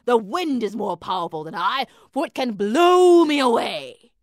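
Woman voicing a loud, slow, bragging storm cloud. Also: a little high, lively intonation, dry recording, studio quality. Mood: boastful. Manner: loud, boastful, hesitant when cornered. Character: huge blustering storm cloud.

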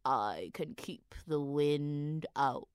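A woman doing a deep, slow stone wall. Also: animated, clear, resonant tone, no room sound, studio quality, exaggerated voice. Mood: stolid. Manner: low, slow and heavy. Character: great solid stone wall, slow and stolid.

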